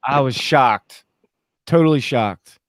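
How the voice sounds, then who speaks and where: A man's voice: mid-range voice, slow pace, slight background noise. A young man hosting a podcast, casually and animatedly recapping a TV episode and acting out lines. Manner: animated, recaps plot with quoted voices. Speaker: podcast host. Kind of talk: casual podcast review chat.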